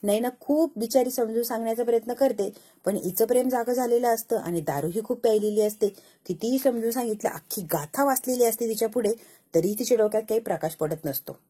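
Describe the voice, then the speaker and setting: A woman's voice: fairly high pitch, fairly quick, mellow, husky. A woman retelling a TV serial episode in a casual storytelling manner, voicing the characters' lines herself. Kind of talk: casual storytelling recap with acted dialogue.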